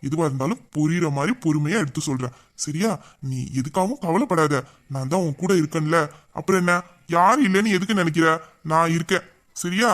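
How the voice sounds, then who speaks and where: A man's voice: on the high side, a little fast, a bit bright, lightly acted. A man voicing a young man in an audio drama who patiently comforts and reassures his tearful best friend. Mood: soothing. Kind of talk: emotional audio drama acting.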